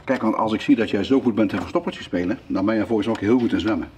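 Male paranormal presenter, low and soft-edged, coaxing in casual questions, faint noise behind. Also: fast, far from the mic. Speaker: ghost-hunting video presenter. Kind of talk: casual chat, questioning a spirit.

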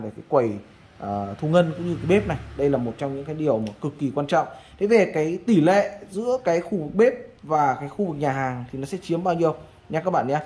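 A man's voice: a little high, darkish tone, slight background noise. A man, an architect, casually walking viewers through a floor plan as he sketches, talking in loose chatty bursts full of fillers. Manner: chatty, many fillers and repeated "đó". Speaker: architect explaining a design. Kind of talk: casual explanatory walkthrough while drawing.

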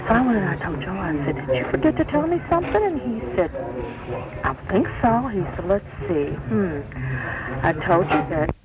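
A woman's voice: mid-range voice, sing-song, moderate pace. A woman chatting at length, retelling conversations in detail, heard from an old worn cassette tape. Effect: played from an old worn cassette tape. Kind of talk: rambling personal storytelling on a message. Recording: tinny phone line, heavy tape hiss.

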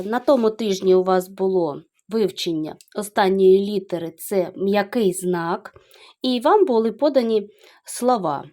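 A middle-aged woman teaching young children in a video lesson, explaining slowly and carefully, syllable by syllable. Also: medium pitch, a little mellow. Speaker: primary school teacher.

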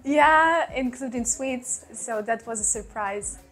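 A woman's voice: on the high side, slow pace, fairly bright tone, soft background music. Cheerful young woman. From Ukraine. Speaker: interviewee. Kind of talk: casual chat. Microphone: clip-on lapel mic.

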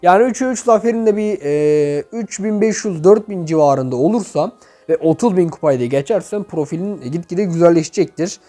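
Echoey high-voiced young man, casual gaming host. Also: animated, fairly quick, mellow. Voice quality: echoey, reverberant room sound. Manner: informal, chatty, addresses viewers as friends. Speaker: YouTube game channel host. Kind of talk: casual gaming commentary, reviewing player profiles. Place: bedroom with items cleared out, indoors. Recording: echoey emptied room, faint music behind. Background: music.

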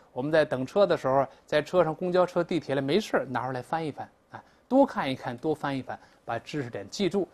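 A woman's voice: low voice, a little mellow. A woman teaching English vocabulary in Mandarin, drilling pronunciation aloud with lots of repetition. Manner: explains in Mandarin with English examples. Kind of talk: classroom vocabulary lesson.

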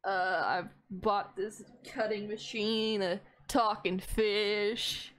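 A woman's voice: mid-range voice, little pitch movement, takes it slowly, fairly bright tone. A woman playing in a tabletop game, chatting in a laid-back, giggly way. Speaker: player. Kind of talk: casual tabletop game chat.

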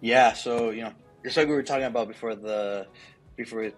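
A young Colombian startup founder answers interview questions casually over earbuds on a video call from an office with a large window. His mid-range voice is brisk and chatty, full of likes and ums. Faint music plays behind him, and the recording is rough.

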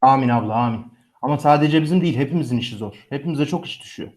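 A man's voice: mid-range voice, racing, darkish tone, lightly acted. A man acting a weary, kindly adult brother in a radio drama, earnest and familiar. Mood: weary, caring. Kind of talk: Turkish radio theatre acting.

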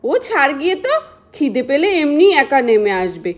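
A woman voicing a brisk, scolding but caring mother in a doll-play story. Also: sits high, sing-song.

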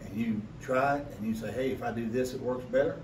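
A folksy man with an Appalachian accent from West Virginia co-hosts a casual podcast. He rambles along at a middling pitch. The mic is distant, with room echo and faint noise behind him. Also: fast talker. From West Virginia, United States. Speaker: podcast co-host. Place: echoey room, away from the mic.

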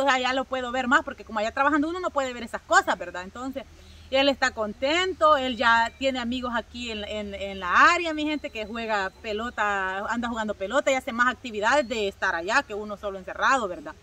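A Salvadoran woman with a high, bright voice tells a casual story straight to her viewers, using many filler words and calling them her people. She sits a little back from the mic, so her voice sounds slightly distant. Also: fairly quick. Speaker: vlogger.

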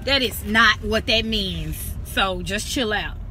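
A woman's voice: medium pitch, takes it slowly, pushed and bright, soft background music. A young woman vlogging from inside a car, chatting casually, teasing and laughing often. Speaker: vlogger mom. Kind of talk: casual vlog chat.

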